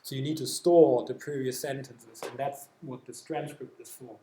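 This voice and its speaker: A man with a German accent presenting software at a developer meetup, explaining a live demo with many fillers and restarts. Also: mid-range voice, fairly even intonation, normal speed, roomy sound, a little hiss or hum. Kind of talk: technical talk with live demo. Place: meetup room.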